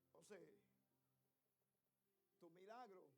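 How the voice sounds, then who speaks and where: Very high-voiced impassioned male preacher. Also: drawn-out words, creaky, faint music behind. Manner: impassioned storytelling preaching, swinging from hushed to shouting. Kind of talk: sermon. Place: church.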